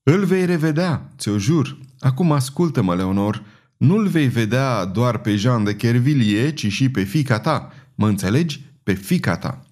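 A man's voice: mid-range voice, lively intonation, darkish tone, close to an everyday voice. A man voicing a scheming, commanding noblewoman who persuades with insistence and authority in an audiobook reading. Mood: insistent.

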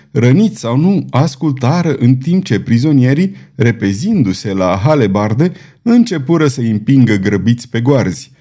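A man narrating an adventure novel in a dramatic, theatrical audiobook reading. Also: mid-range voice. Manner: expressive, theatrical storytelling.

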